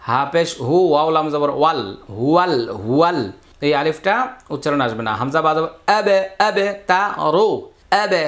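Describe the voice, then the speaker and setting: A man teaching Quran reading in a Bangladeshi Bengali accent, spelling out letters and vowel marks, then chanting the words slowly. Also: a little high, fairly bright tone. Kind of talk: step-by-step recitation lesson.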